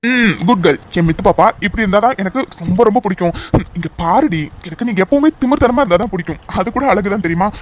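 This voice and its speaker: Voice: mid-range voice, expressive, fast, hardly any pauses, close to an everyday voice. A voice actor playing an affectionate young man in a cartoon love story, coaxing and pleading with his fiancée to stop crying. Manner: coaxing, pleading and playfully bossy. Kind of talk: cartoon voice acting.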